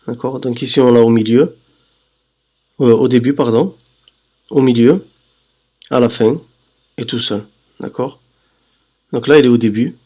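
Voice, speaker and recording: Guy teaching, super slow and patient, stretches out syllables, keeps asking if you got it. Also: medium pitch, darkish tone. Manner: patient, checks understanding with "d'accord?"; drawls syllables slowly for demonstration. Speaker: Arabic reading teacher. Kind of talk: slow screen-recorded lesson.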